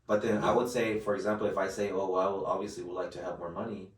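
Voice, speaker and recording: A man in his late twenties talks in a low, deep register with a roomy, echoing sound. He rambles through his points with many restarts and fillers, heard from a mic set back from him. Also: level tone, quick pace, recorded from a distance. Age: late 20s. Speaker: podcast co-host. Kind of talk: casual chat.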